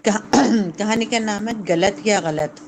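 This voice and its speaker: A woman reading her own children's story aloud to a literary forum in a measured, plain way. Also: mid-range voice, a little mellow, slight background noise. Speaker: story writer, forum participant.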